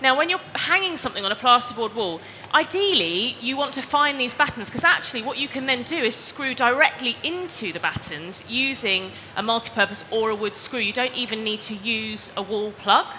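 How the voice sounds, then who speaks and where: A woman gives a chatty, step-by-step DIY demonstration on stage. Her voice is bright and a little high, and it echoes through a big exhibition hall with faint noise in the background. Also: animated, a little fast, hardly any pauses. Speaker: DIY presenter. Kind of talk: live demonstration talk. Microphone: headset or lapel mic.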